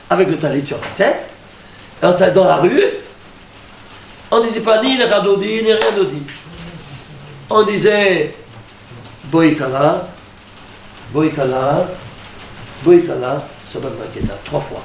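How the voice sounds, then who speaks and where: A man, a rabbi, teaching a lively lesson and quizzing his audience. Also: sits high, gravelly, a little hiss or hum. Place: lecture hall with audience. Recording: echoey hall with audience.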